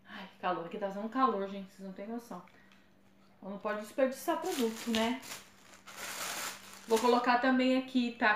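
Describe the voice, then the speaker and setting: A woman's voice: medium pitch, slight background noise. A woman chatting casually through an unboxing, often stumbling over brand names. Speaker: vlogger. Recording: echoey room, faint ambience.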